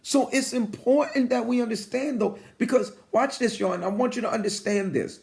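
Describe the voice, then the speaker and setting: Preaching a live-streamed motivational sermon, a New York pastor in his forties speaks at a moderate pace in a very high, gravelly voice. He sniffles and sounds congested while animatedly calling out to his listeners and speaking to God as he would to a friend.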